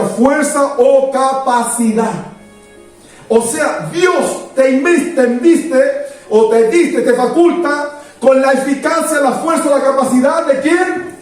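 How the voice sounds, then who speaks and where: A man's voice: very high voice, a little mellow. Fervent male preacher in an echoey church. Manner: fervent preaching in repeated emphatic lists. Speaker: pastor. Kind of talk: sermon. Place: church sanctuary. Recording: echoey church, distant mic, faint music.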